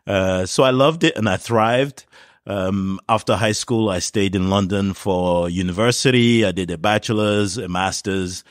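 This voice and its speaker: A podcast guest in his fifties, originally from Cameroon, tells his story in a casual, unhurried interview, relaxed and full of small fillers. His voice sits on the low side, and the recording is dry and close with no room sound around it.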